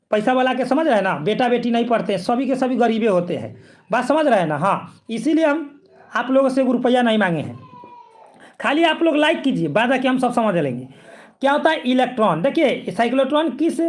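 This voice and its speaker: A man with a high, light voice coaches students through exam physics questions. He talks with them directly, repeats key points and keeps asking if they follow. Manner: repetitive, coaxing, keeps checking students follow. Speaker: physics teacher. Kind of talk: exam-prep lesson.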